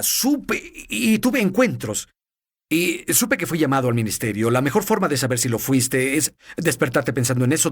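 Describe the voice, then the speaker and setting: A man's voice: mid-range voice, a bit bright. A man giving an earnest personal testimony in an interview, telling his story with laughter now and then. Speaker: evangelist guest.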